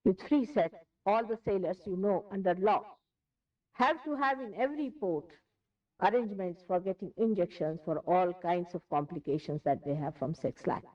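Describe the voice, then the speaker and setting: A woman's voice: fairly low pitch, moderate pace. An Indian woman giving a spiritual lecture, emphatic and repeating phrases for stress. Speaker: spiritual teacher. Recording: distant, dull lo-fi 1981 lecture tape.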